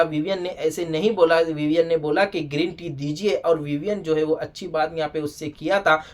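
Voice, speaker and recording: A TV show reviewer giving a casual spoken episode recap, animated, often exclaiming and scolding the people on screen. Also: mid-range voice.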